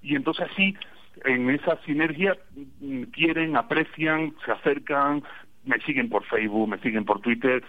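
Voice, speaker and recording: Over a tinny phone line, a medium-pitched man from Spain with an Andalusian accent speaks at normal speed. He's a radio guest calling in for a casual chat, wandering through stories with a wry sense of humor.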